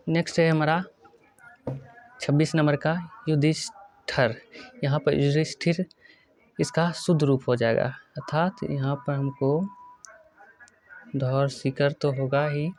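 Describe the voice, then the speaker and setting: A male teacher giving a spelling lesson, working through words one by one and repeating each correct form slowly. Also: a little high, little pitch movement, darkish tone. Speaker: Hindi grammar teacher. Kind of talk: exam-prep lesson.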